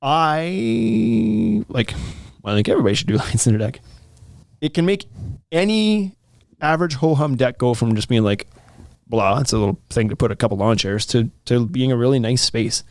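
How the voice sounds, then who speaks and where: A man's voice: mid-range voice, lively intonation, moderate pace, creaky, a little mellow, no echo, clean studio sound. A man co-hosting a casual chat from a store, chatty, laughing often and trailing off mid-sentence. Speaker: podcast co-host at a deck store. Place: indoors, store.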